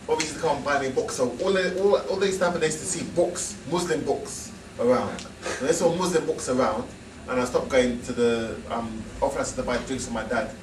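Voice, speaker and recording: A man's voice: mid-range voice, fairly quick. A man telling his own story in a frank, rambling way with laughing asides. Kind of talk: casual storytelling talk. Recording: echoey hall, distant mic, noisy.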